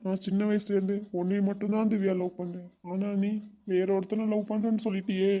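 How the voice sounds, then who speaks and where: A man's voice: high-pitched, little pitch movement, brisk, music in the background, natural voice. A man voicing an earnest young village man. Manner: earnest, pleading. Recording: dull lo-fi sound.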